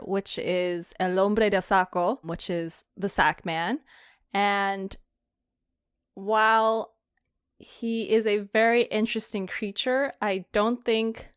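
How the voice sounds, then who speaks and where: The host of a fiction podcast, which she also created, chats casually and laughs often in a giggly manner. Her medium-pitched voice is smooth and fairly bright. The sound is studio quality, with no echo.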